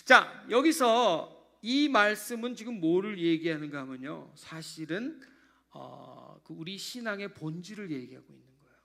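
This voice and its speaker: A man, a pastor, preaching a sermon in a church, animated and swinging between loud emphasis and hushed asides, acting out little prayer dialogues. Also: high voice, measured pace, creaky. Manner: animated preaching, sudden drops to hushed tones. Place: church sanctuary.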